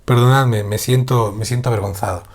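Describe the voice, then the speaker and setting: A man's voice: mid-range voice, steady tone, fairly quick. A man from Spain with a Spanish accent, giving a casual live-streamed religious lesson, laughing through apologies and then explaining patiently. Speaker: Islamic teacher.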